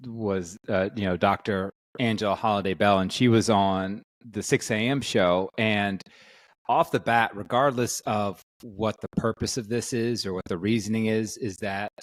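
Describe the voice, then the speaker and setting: A fitness coach appearing as a podcast guest speaks earnestly and reflectively, often restarting his sentences. His voice is fairly low, and the audio is poor but has no echo.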